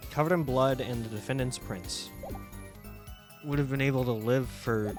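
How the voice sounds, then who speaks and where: Casting note: laid-back male let's-play host mulling things over, game music clear behind. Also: mid-range voice, moderate pace. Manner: casual, thinking aloud. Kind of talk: gameplay commentary.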